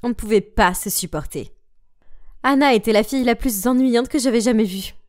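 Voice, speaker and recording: A woman's voice: fairly high pitch, brisk, darkish tone, no echo, studio quality. A woman narrating a dramatized story in the first person and voicing all the characters herself. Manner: voices every character herself.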